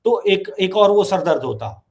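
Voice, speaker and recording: A man with a fairly high voice holds forth as a political commentator. He talks emphatically, circles back on his points and fills pauses with hesitations as he argues. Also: sing-song, darkish tone. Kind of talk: talk show discussion.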